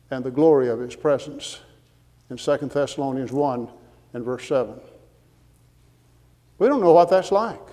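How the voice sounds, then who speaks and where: Male preacher, earnest and emphatic sermon delivery, voice a bit high, long hall reverb. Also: darkish tone. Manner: earnest, emphatic, quotes scripture with references.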